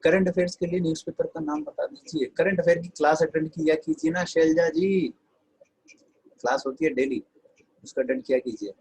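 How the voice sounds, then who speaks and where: Husky-voiced Indian man teaching English. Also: on the high side, brisk, a little mellow, poor audio. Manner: mixes Hindi and English, addresses students as beta, dictates notes. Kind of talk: online class lecture.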